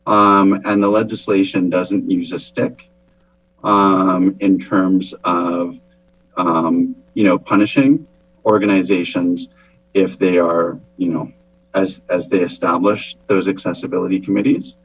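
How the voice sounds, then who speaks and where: A man with a deep, husky voice explains formally to a committee. His phrasing is measured and hesitant, and the recording is muffled. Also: flat delivery, dry recording. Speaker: presenter to a committee. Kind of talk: formal explanatory meeting talk. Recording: dull, lo-fi meeting audio.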